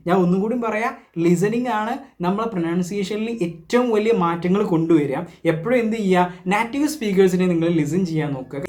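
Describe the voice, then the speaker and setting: A man with a Malayali accent gives a lively spoken lesson on English pronunciation. His voice sits high and the words come quickly. He keeps asking and answering his own questions and drops English words into his sentences.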